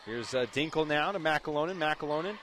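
A young adult announcer with a fairly high, fairly quick, slightly bright voice does live radio play-by-play of a basketball game. He's in an indoor high school gym, with clear sounds of the game and a bouncing basketball behind the commentary.

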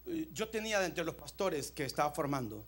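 A man preaching a sermon as pastor, pausing phrase by phrase for an interpreter and swinging from soft to loud with passion. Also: a little high, huge pitch swings.

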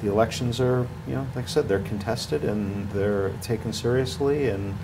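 A creaky, medium-pitched male voice at normal speed comes through background noise. The speaker, a ski area marketing director in his forties, is interviewed in a small indoor TV studio and rambles with many fillers and restarts, turning louder when animated.

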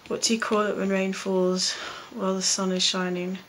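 A young Australian woman speaking casually and offhandedly in a vlog, reading out prompts and answering them in a low-key way. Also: little pitch movement, normal speed, a bit bright, slight background noise, low-quality recording. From Blue Mountains, New South Wales, Australia. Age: young adult. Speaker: vlogger. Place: small bedroom, indoors.

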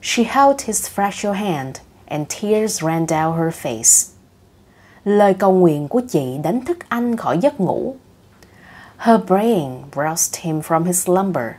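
A woman's voice: lowish voice, expressive, slow, darkish tone, husky. A woman narrating short funny stories in an audiobook, reading each line twice, in two languages. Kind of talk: slow bilingual story reading.

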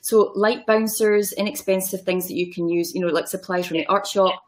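Woman guest, mid-pitched voice, casual and rambling, lots of halting restarts. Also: fairly even intonation. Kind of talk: casual chat.

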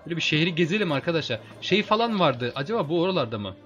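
A man's voice: a little high, very fast, faint music behind. Chatty man narrating his gameplay. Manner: chatty, addresses viewers as friends, excitable during fights. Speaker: let's play host. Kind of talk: casual gameplay commentary.

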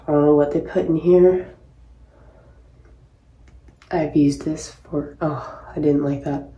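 A woman's voice: fairly low pitch, dark tone, echoey room, low-quality recording. A woman in her twenties from Hawaii, chatting casually to camera while getting ready in a small bathroom, with rambling, self-mocking asides. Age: 20s. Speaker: professional tennis player vlogging. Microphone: built-in camera mic, laptop or phone close up.

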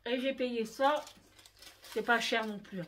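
A woman with a slightly raised pitch chats slowly and unhurriedly through her shopping haul at home. She talks straight to her viewers and keeps tagging "hein" onto her sentences. A faint hiss of background noise sits under her voice. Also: steady tone, a bit bright. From France. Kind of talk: casual haul vlog.

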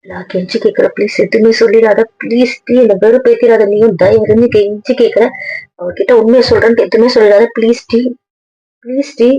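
A woman's voice: on the high side, steady tone, brisk, warm tone, breathy edge, no echo, dull audio. A woman acting in a family drama as a young doctor, talking in a pleading, apologetic way.

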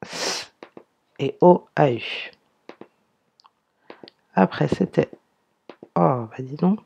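A woman teacher giving a slow dictation lesson, spelling words out syllable by syllable. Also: low voice, gravelly, warm tone, husky.

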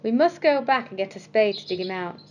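A woman voicing a calm, reassuring father who speaks in a steady, practical way. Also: mid-range voice, fairly quick, highs cut off, slight background noise, natural voice.

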